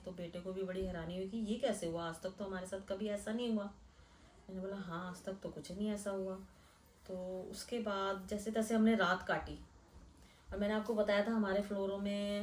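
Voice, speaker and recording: A middle-aged woman from Delhi, earnestly retelling a frightening real-life experience in a hushed first-person way. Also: on the low side, recorded from a distance, slight background noise. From Delhi, India. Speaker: storyteller. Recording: echoey room, voice a bit off-mic.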